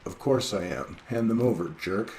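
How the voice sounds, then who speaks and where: A man's voice: lowish voice, expressive, normal speed, darkish tone, a little hiss or hum, natural voice. A man voicing a tired but teasing young woman in a read-aloud horror story.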